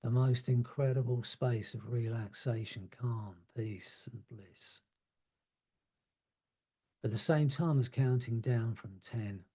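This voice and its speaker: A man leading a guided hypnosis relaxation, speaking slowly and soothingly and letting his words trail off softly. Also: mid-range voice, husky. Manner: slow, soothing, drawn-out phrasing with soft trailing words.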